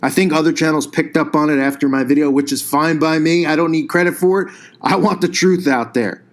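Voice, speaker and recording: A man's voice: a little high, brisk. A man hosting his own channel, delivering an intense, combative commentary monologue with heavy emphasis. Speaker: channel host.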